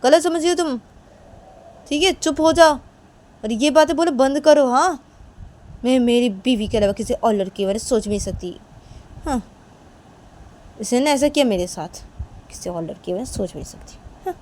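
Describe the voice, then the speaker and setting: A woman's voice: mid-range voice, a little fast, pauses often, natural voice. A woman voicing an angry young woman who scolds and insists she is not in love. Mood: scolding. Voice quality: sharp, scolding, repeats "chup ho jao".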